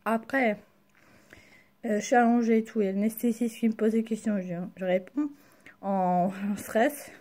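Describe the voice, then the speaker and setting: A young woman tells a personal story in a casual vlog style. Her voice sits a little high yet stays soft-edged and mellow. She is halting and slangy, speaking with a sore mouth after having her wisdom teeth out. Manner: halting, slangy, searching for words. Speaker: vlogger.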